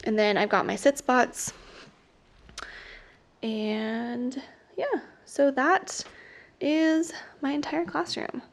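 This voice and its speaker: A young woman teacher chats her way through a classroom tour, rambling and full of filler words as she walks the room with her camera. Her voice sits a little high with a gravelly fry at the ends of phrases, and she sounds slightly out of breath from moving around. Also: steady tone, slow, pauses often. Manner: chatty, rambling, many "like" fillers. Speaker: teacher and vlogger. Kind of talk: casual classroom tour vlog. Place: classroom, indoors.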